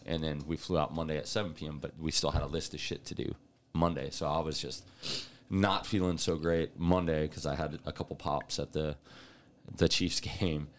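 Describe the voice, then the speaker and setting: Very deep-voiced man telling stories. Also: normal speed. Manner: animated storyteller, laughs often. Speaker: podcast co-host. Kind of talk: casual chat.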